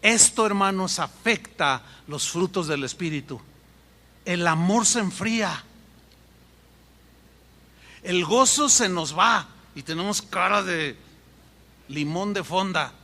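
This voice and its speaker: Emphatic Mexican preacher in an echoing hall. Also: male voice, high voice, sharp tone. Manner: emphatic, pausing and repeating for effect. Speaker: pastor. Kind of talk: sermon. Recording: long hall reverb.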